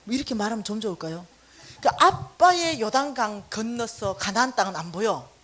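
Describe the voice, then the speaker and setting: Woman lecturer, high voice, very lively pitch, acts out conversations, storytelling lecture. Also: a little fast. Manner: animated, acts out dialogue with exaggerated voices and laughs. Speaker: church finance lecturer.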